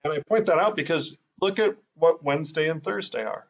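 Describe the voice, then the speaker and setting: A man's voice: a little high, expressive, fairly quick, gravelly. Man teaching, thinking aloud, dull sound. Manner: thinking aloud, many fillers, sounding out words. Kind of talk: casual explanatory lesson.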